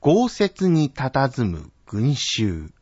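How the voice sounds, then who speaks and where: Man slowly drilling pronunciation. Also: medium pitch, wildly swooping pitch, darkish tone, slightly rough, no echo, highs cut off. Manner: slow, careful enunciation of syllables. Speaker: pronunciation teacher.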